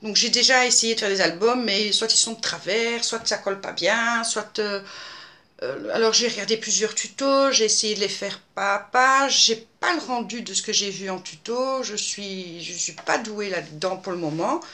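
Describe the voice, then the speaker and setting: Woman in her fifties, crisp bright voice, halting and chatty, answering viewer questions. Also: mid-range voice. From Belgium. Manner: hesitant, many fillers and restarts. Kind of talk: casual Q&A monologue.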